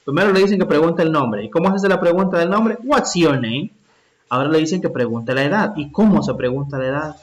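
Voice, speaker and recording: A man, his voice sitting a little higher than most men's. He walks learners through an English lesson in both languages, patiently and step by step, checking in with "ok?" after each point. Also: a little fast. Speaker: English teacher. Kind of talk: bilingual classroom lesson.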